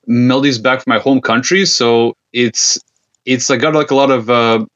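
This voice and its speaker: Man, relaxed interview guest. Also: medium pitch, moderate pace. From Serbia. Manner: easygoing, many fillers and hesitations. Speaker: guest, gear company founder. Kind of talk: casual interview chat. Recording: dull lo-fi sound.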